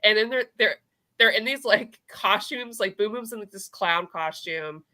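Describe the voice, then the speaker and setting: A woman's voice: medium pitch, normal speed, sharp tone. A woman chatting casually and gushing as she recaps a comic, often acting out the characters' lines as a co-host. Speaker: co-host of a comic book review show.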